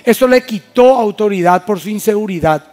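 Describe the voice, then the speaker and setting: High-voiced Paraguayan pastor preaching a sermon. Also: male voice, normal speed, darkish tone. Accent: Paraguayan Spanish. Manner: emphatic, asks the congregation rhetorical questions. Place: church service.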